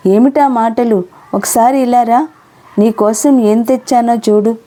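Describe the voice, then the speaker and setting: A woman's voice: fairly high pitch, fairly even intonation, a little slow, mellow, lightly acted. A woman voicing a busy, impatient young husband in an audio novel, speaking in brusque, exasperated questions. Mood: teasing.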